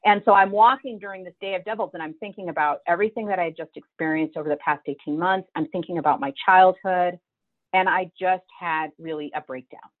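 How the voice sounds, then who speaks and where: A woman's voice: lowish voice, brisk. A middle-aged woman telling her own story as a guest, vivid and emotional, acting out what she thought back then. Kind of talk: personal storytelling. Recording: tinny phone-like line.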